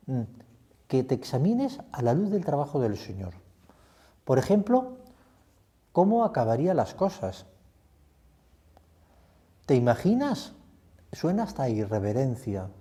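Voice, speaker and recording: Mellow priest. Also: male voice, mid-range voice. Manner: reflective, poses many questions to the listener. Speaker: priest leading a retreat. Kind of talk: spoken retreat meditation.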